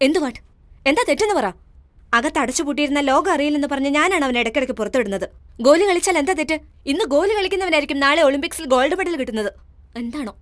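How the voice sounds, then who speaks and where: A woman's voice: high-pitched, lively intonation, rapid-fire. A woman dubbing an outspoken middle-aged housewife in a film, scolding and lecturing. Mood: defiant lecture. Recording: film soundtrack with loud music.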